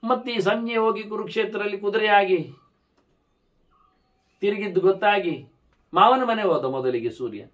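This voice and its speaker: An older man delivers a religious discourse as a lively storyteller. His voice sits a little high. He swings his pitch and loudness as he acts out the figures in his stories. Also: normal speed, long pauses. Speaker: scholar giving a religious discourse.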